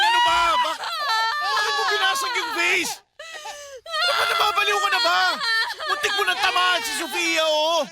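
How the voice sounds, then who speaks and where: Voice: mid-range voice, heavy background noise, close to an everyday voice. An actor playing a young husband and father in a radio drama, choked up and pleading. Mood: angry, crying.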